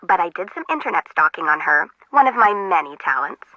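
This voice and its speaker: With a fairly low, sing-song voice going a little fast and no room sound, a woman portrays a quirky young harbor intern in a game. The young adult character is chatty, rambling and self-mocking, and the audio is muffled and lo-fi.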